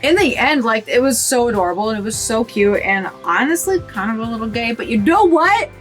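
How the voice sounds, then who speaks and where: Young woman giggling and gushing over a game, kinda teary, voice bouncing all over, soft music behind. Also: fairly high pitch, expressive, a little fast. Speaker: gaming video creator. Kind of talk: casual let's play commentary.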